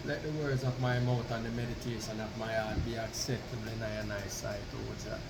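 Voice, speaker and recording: A man using Rasta speech, deliberately proclaiming a devotional address to followers with pauses and emphatic declarations. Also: fairly low pitch, little pitch movement, creaky. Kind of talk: devotional address with reading of own written piece. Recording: roomy, distant mic, constant background noise.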